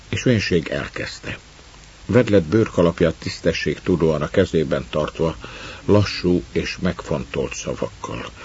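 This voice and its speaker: A man reading an audiobook narration in a slow, measured way. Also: low-pitched, a little mellow, slightly rough, dull audio.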